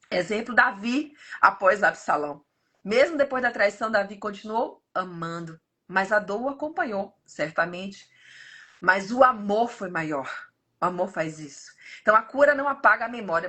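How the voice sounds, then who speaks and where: A woman's voice: medium pitch, slightly rough. A woman in her fifties with a Brazilian Portuguese accent gives a casual devotional talk, often turning to her listeners as "gente". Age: 50s. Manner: animated, often turns to the audience as "gente".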